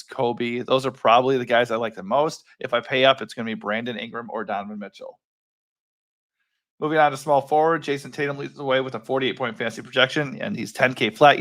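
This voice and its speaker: Rough-voiced man rambling through sports picks. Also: medium pitch. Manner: relaxed, rambling, self-correcting with many ums. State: worn, rough voice. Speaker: fantasy sports analyst host. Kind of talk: casual solo picks breakdown.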